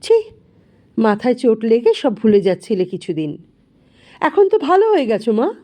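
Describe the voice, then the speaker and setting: A woman's voice: on the high side, wildly swooping pitch, normal speed, dark tone. A woman voicing a young adult son who talks in a soothing, reassuring way.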